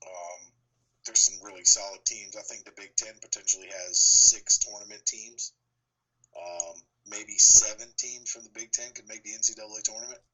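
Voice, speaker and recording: A man's voice: on the low side, steady tone, normal speed, bright, forceful tone, slightly rough, rough recording. A man co-hosting a casual sports talk show, rambling through his opinions.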